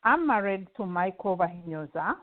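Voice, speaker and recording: A middle-aged woman with a Ugandan accent, a guest answering interview questions earnestly, with many pauses and fillers. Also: lowish voice, expressive. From western Uganda. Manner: earnest, with frequent fillers and restarts. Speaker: guest, home care agency CEO. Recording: tinny phone-line audio.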